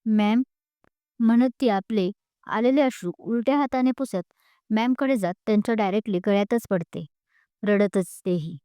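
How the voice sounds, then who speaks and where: A woman storyteller reading a serialized love story in a steady, expressive way. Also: mid-range voice, normal speed, smooth, no room sound, studio quality.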